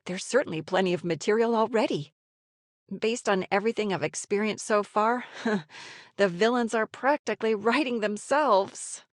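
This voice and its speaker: A woman's voice: medium pitch, moderate pace, no room sound, studio quality, natural voice. A woman playing a wry, affectionate novelist heroine in a story game, with a playful conversational manner. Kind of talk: scripted game story dialogue.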